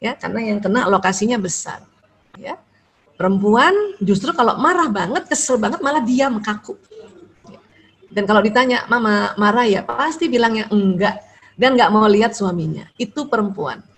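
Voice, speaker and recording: A middle-aged woman lecturer giving a religious talk on marriage and family, chatty, dotting her sentences with little tags and acting out short home dialogues. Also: a little high. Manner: conversational, frequent "ya" tags, acts out little dialogues.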